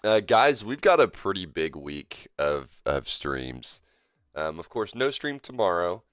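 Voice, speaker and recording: With a deep voice pushed even lower by a cough, a sick man greets his chat and jokes loosely while streaming a game, rambling with fillers. He's very animated, a little slow and slightly bright. The recording is dry and studio quality, with faint game music in the background.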